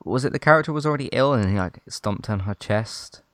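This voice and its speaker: A man's voice: fairly low pitch, animated, quick pace, fairly bright tone, no echo, studio quality. A man in casual chat reviewing a TV series, rambling a little and restarting his sentences. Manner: rambling, restarts often, chuckles between points. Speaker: podcast co-host.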